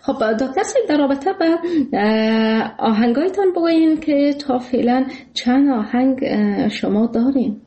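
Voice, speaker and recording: Afghan dari-accent lady hosting a radio show, polite, mellow higher voice, bit of room echo. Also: lively intonation, highs cut off. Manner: polite and respectful, with hesitations. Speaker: radio host. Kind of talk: radio interview.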